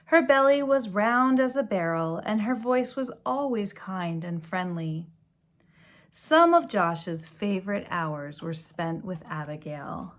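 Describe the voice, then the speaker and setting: A woman with a mid-range voice reads a children's storybook aloud like a teacher, slow, deliberate and expressive, adding gentle asides.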